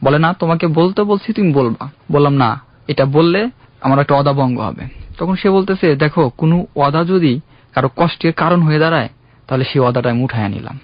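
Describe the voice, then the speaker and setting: A young man calling in to a radio show, earnestly recounting his own love story in a halting, heartfelt way. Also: fairly high pitch, no echo. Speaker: caller. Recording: dull, dry radio studio sound.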